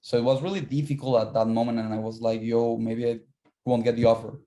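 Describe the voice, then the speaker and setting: Mellow young man. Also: mid-range voice, little pitch movement, a little fast. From Colombia. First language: Spanish. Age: young adult. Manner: casual, repeats words while searching for them. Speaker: interview guest, university finance student. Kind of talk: casual interview.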